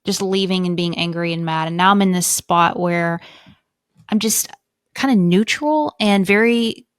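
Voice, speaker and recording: A woman with a somewhat low voice hosts a casual interview and speaks candidly and reflectively about herself. The sound is dry, with no room echo. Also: a little slow, clean tone. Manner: candid, reflective, open about personal feelings. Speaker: podcast host.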